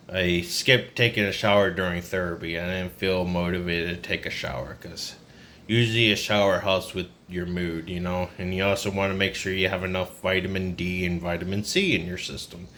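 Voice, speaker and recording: This man in his twenties sounds burned-out and downcast as he confides in a casual, rambling personal vlog. His voice sits low with a fairly bright tone, and the background is noisy.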